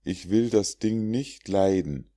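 Ein Mann spielt Vulkan, einen jähzornigen Schmiedegott. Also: male voice, low-pitched, takes it slowly, mellow. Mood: indignant. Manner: exclaiming, exasperated outbursts. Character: grumpy, quick-tempered male smith god. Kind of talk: audiobook reading of rhymed fables.

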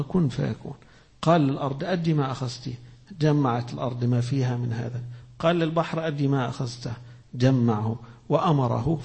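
A male preacher with an Egyptian accent, talking quickly in a slightly high, gravelly voice. He moves between classical Arabic and everyday colloquial speech and voices the people in his stories. A fast, lively sermon delivery. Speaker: Islamic preacher.

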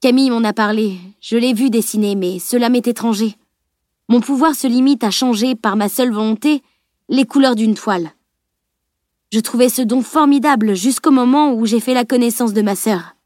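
A woman's voice: a little high, normal speed, darkish tone, dry recording, clean studio sound, natural voice. Lady reading a modest young guy, earnest and a bit nervous. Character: young male art student, unsure but brave.

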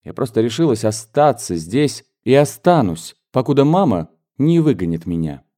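A man lifts his voice well above his own to play a spirited young woman from a classic novel, earnest and reproachful. Her talk runs hot and pleading, and her pitch climbs and swings widely. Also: very animated, moderate pace, dark tone, natural voice.

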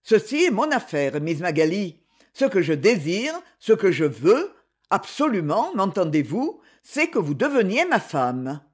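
A man's voice: high-pitched, very animated, measured pace, slightly rough, exaggerated voice. A narrator voicing a sarcastic, threatening male secretary with a cold, mocking manner. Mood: cold menace.

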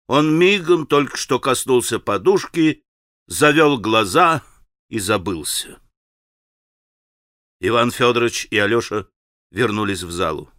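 Man, audiobook narrator, classic novel, expressive dramatic reading, bright voice, dry close sound. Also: mid-range voice, no echo. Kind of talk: scripted literary narration.

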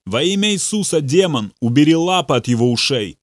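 A man's voice: medium pitch, animated, moderate pace, no room sound, close to an everyday voice. Guy doing a firm no-nonsense pastor, dry close audiobook sound. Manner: firm and commanding. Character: calm, firm male pastor. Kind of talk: audiobook reading.

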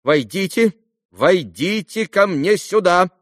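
A man voicing an excitable, imperious teenage girl in an audiobook, in shrill, commanding outbursts. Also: normal speed, no echo, clean studio sound. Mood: frantic commanding. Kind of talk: audiobook character reading.

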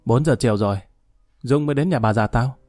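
A man's voice: mid-range voice, fairly quick, darkish tone, no room sound, faint music behind, lightly acted. A man voicing a sly, teasing young man. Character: young man, playful and scheming.

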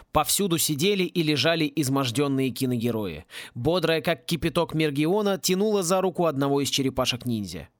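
A man narrating a satirical fantasy audiobook in an ironic, lively storytelling manner. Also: on the high side, dry recording, clean studio sound.

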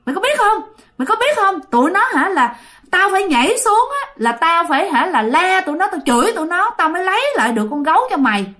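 A woman's voice: very high-pitched, big pitch swings, voice pushed up, exaggerated voice. Woman voicing a scolding tall young man. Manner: loud, rapid scolding. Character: tall young village man, scolding, gruff yet caring.

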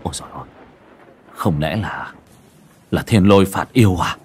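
A man's voice: sits low, expressive, normal speed, a little mellow, a little hiss or hum, pitched below the performer's own voice. A man voicing an uneasy young village man in a storybook, muttering and startled.

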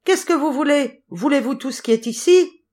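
A woman voicing a tiny, bold and playful boy in a storybook, calling out in a high, bright voice. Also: animated, normal speed, natural voice. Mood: shouting.

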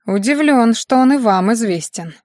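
A woman voicing a dignified, weary male magister who lectures his students in a measured way. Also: fairly high pitch, animated, darkish tone, dry recording, studio quality, lightly acted.

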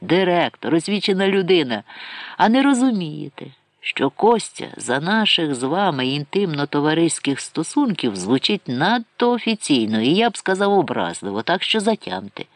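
A man reads out a cocky young soldier with a high, loud, showy delivery. He mocks and clowns in a playfully pompous way, rising and swooping as he talks. The sound is close and dry, with no room around it. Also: big pitch swings, moderate pace, dry recording. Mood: theatrical, mocking. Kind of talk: audiobook character reading.

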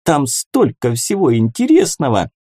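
A man reading an audiobook and voicing a chattering, cheeky female fairy who talks fast and excitably. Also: breathy edge, no echo, studio quality. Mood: excited chatter. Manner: rapid, excitable, squeaky.

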